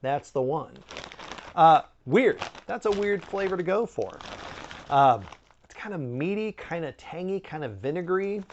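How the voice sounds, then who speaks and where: A man's voice: fairly high pitch, lively intonation, measured pace, a little hiss or hum. Man, snack reviewer, chatty, wry, very varied intonation, slightly muffled audio. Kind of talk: casual chatty review to camera.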